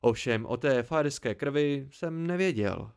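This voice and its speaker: A man voicing a cheerful young male fae servant with a bright, playful way of speaking. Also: medium pitch, expressive, vocal fry, smooth. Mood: pleased.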